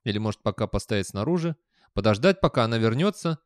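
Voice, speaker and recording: A man's voice: fairly low pitch, lively intonation, quick pace, no echo, studio quality, close to an everyday voice. A man voicing a nervous, hesitant young male hero in an audiobook. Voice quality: anxious, hesitant.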